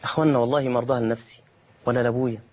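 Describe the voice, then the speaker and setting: A man's voice: medium pitch, steady tone, rapid-fire, a little mellow. A man with an Egyptian accent preaching a colloquial sermon, firing off rhetorical questions and answering imagined objections from listeners. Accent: Egyptian Arabic. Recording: dull lo-fi recording.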